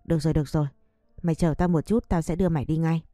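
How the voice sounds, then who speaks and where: A woman's voice: sits low, steady tone, rapid-fire, dark tone, no room sound, clean studio sound, soft background music, natural voice. A woman voicing a young female friend who is worried and protective, speaking urgently in an audiobook story. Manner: urgent, pleading. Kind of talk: audiobook narration.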